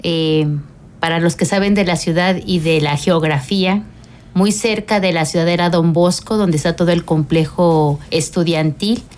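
A middle-aged woman, a religious sister, speaking calmly and explaining at length in a radio interview, with frequent pauses and fillers. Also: lowish voice.

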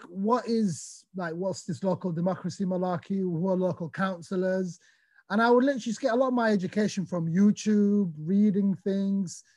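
A man, raised in England after a childhood in Somalia, answering interview questions about his path into politics in a relaxed, chatty way. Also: sits high, no room sound. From Somalia, raised in Sheffield, England. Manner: relaxed, chatty storytelling with fillers. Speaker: interview guest, activist and author. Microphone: video call.

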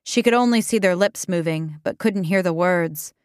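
A woman's voice: on the low side, moderate pace, darkish tone, clear, resonant tone, no room sound. Woman narrating an audiobook, dry and close. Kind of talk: scripted narration.

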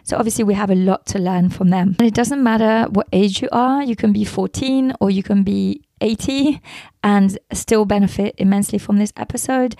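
A woman hosting a motivational podcast alone, talking earnestly from a script, her voice roughened by a recent cold. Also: medium pitch, mellow, dry recording, studio quality. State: recovering from a cold, voice affected. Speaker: podcast host. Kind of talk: scripted solo podcast monologue.

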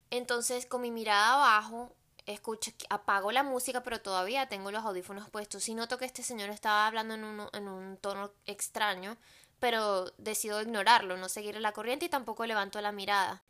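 A woman telling a personal faith story in a casual, animated way, talking straight to her viewers. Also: a little high. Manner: animated, addresses viewers directly. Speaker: vlogger sharing a faith testimony.

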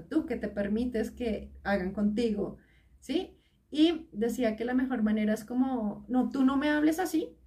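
Brief: woman, fairly high voice, lively podcast co-host, sitting a little back from the mic. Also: far from the mic. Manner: animated, quotes others, laughs often. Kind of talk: casual podcast chat.

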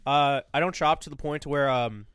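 A man's voice: medium pitch, moderate pace, a bit bright, clean tone, no echo. A young man co-hosting a podcast in casual chat, telling rambling stories full of "like" and "dude" and swearing freely. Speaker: podcast co-host.

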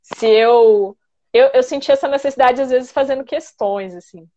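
High-voiced woman with caipira country accent. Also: moderate pace, dark tone, lo-fi sound. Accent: caipira Brazilian country accent. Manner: informal, repeats herself. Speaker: interview guest, federal prosecutor. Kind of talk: casual chat, answering questions.

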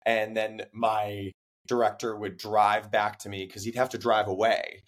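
A young singer-songwriter, a guest in a casual interview, tells a story in a voice that's hoarse from laryngitis and deeper than usual. He keeps a measured pace while storytelling with animation, acting out his own quotes.

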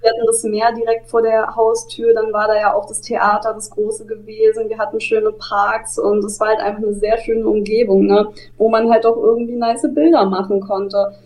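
A young woman talks as a podcast guest, her voice flat in melody and set back from the mic. She talks freely, padding sentences with small filler words. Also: a little high, moderate pace, recorded from a distance, low-quality recording. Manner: flowing, uses filler words, halt, ne. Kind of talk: casual interview answers.

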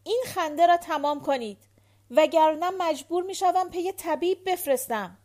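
A woman reading the part of a patient young woman who gently questions her sister in a storybook. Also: sits high, natural voice. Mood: stern.

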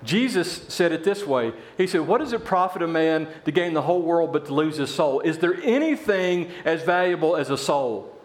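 A man preaching a sermon in a church, telling a parable with animated voices for its characters. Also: on the high side, normal speed, few pauses, reverberant. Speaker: pastor.

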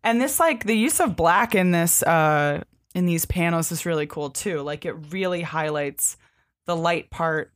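A podcast co-host with a fairly low voice speaks at a measured pace in a casual comic book discussion. She's enthusiastic and chatty, her phrasing loose and sweary.

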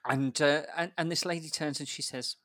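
An adult man, there as a guest, relays a casual, embarrassing anecdote about himself, laughing at his own expense throughout. His fairly high voice stays steady in tone, fairly bright, at a normal speed. The clean studio sound has no echo.

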